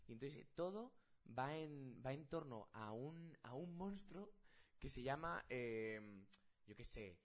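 A man's voice: mid-range voice, takes it slowly. A man co-hosting a casual podcast chat, rambling and swearing as he tells stories. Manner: rambling, swears, animated when retelling. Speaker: podcast co-host.

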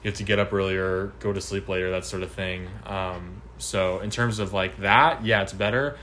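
A man's voice: deep voice, fairly even intonation, normal speed, fairly bright tone, slight background noise. A man in his twenties answering interview questions at home, hesitant, with many ums and restarts. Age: 20s. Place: home apartment.

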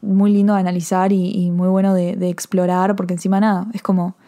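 A woman with an Argentine accent casually reviewing a TV episode, rambling and excitable, full of fillers and restarts. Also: medium pitch, fairly quick. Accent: Argentine Spanish. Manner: excitable, emotional. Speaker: TV series reviewer.

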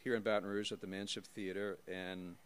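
A man hosting a podcast interview, asking relaxed, friendly questions and chiming in with short agreements. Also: deep voice, fairly quick, smooth. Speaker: podcast host. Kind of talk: casual interview. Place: small recording studio. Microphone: studio microphone.

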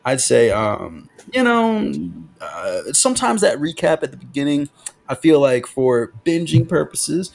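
A man co-hosting a podcast in casual chat, excitable and quick to swear as he talks. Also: on the high side, creaky. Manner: animated, excitable, swears freely. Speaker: podcast co-host.

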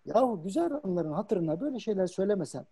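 A man's voice: high-pitched, lively intonation, fast talker, vocal fry, mellow, breathy edge, no echo, clean studio sound, full character voice. A man doing a weary, muttering boyfriend. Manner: muttering, exasperated. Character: weary young man trying to break up. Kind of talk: comic sketch reading.

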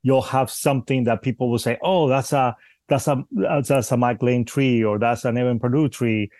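Man, guest on a podcast, hesitant, restarts often, middle pitch, dry close sound. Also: normal speed, darkish tone, no room sound. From Cuba, raised in Spain. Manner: hesitant, many restarts, laughs easily. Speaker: guest bonsai artist. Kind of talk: casual interview chat.

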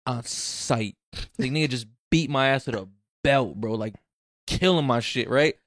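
A man's voice: medium pitch, unhurried, fairly bright tone, dry recording, clean studio sound. A young man chatting casually with friends and telling stories in slangy, profane language. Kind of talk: casual chat, storytelling among friends.

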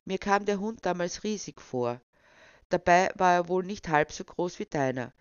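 A man's voice: sits high, animated, normal speed, clear, resonant tone, no room sound. A storyteller voicing a shy young man who is afraid of dogs and speaks hesitantly and earnestly, on a dull, dry recording.

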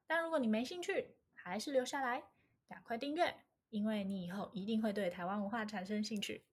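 A woman's voice: medium pitch, brisk, slightly rough. A young woman from Taiwan with a Taiwanese accent, a native Mandarin speaker, introducing her channel in a playful, scripted way. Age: young adult. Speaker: channel host.

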